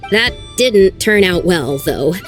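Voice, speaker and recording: In this game voice acting, a woman takes the part of an earnest young archaeologist who worries aloud and sighs over her troubles. Her fairly low voice is animated yet slow, with soft music in the background.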